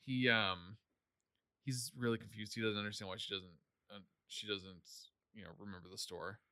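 Male co-host, casual chat, bright tone, dry close sound, loose rambling delivery. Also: on the low side, fairly even intonation, normal speed, smooth, no room sound. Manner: rambling, many fillers and restarts. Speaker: podcast co-host discussing a novel.

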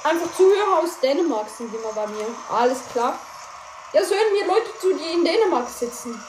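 A high-voiced woman commentating her own gameplay, excitable and quick to shout at every goal or miss. Her voice bounces around an echoey room. A clear layer of background noise runs underneath. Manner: excitable, shouts and cries out at plays, chatty asides to listeners. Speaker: gaming streamer.

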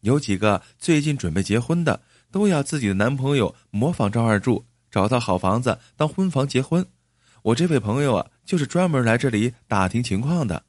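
A chatty young bride from the countryside, raising her voice higher and brightening as she coaxes, put on by a male storyteller. Her tone is persuasive and friendly, and the sound is close and dry. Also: expressive, fairly quick, no echo, natural voice. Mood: cheerful coaxing. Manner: chatty, coaxing. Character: young rural woman, newlywed bride, cheerful and persuasive.

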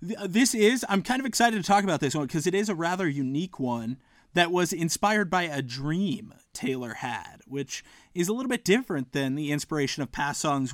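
A man hosting a casual podcast panel, playful and quick to joke around. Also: a little high, dry recording, clean studio sound. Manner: playful, bursts into singing. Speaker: podcast host.

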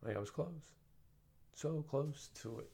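Man mumbling then bursting out loud. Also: a little high, expressive, unhurried, creaky, breathy edge. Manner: swings between soft mumbling and loud emphatic bursts; frequent swearing and filler talk. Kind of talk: casual personal monologue.

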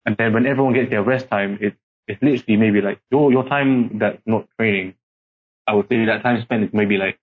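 Slightly rough and fairly low, this young man's voice carries casual, rambling podcast-guest chat full of filler words. Brought up in Singapore, he speaks with a British accent and code-switches from Singaporean, captured in muffled lo-fi audio.

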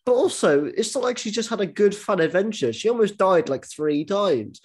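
A man hosting a casual podcast, his voice sitting a touch high for a man. He talks animatedly, stumbling into false starts and throwing in plenty of swearing. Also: lively intonation, normal speed. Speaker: podcast host.

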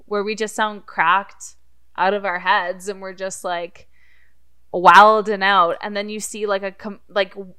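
A woman's voice: medium pitch, flat delivery, unhurried, pushed and bright, clean tone. A young woman co-hosting a podcast in casual chat, talking in a Valley Girl manner. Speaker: podcast co-host.

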